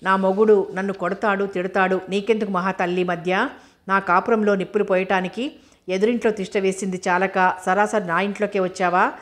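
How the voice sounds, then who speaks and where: A woman voicing a jealous, sharp-tongued middle-aged wife who speaks in bitter, self-pitying accusations. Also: medium pitch, steady tone, fairly quick, natural voice. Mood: wailing.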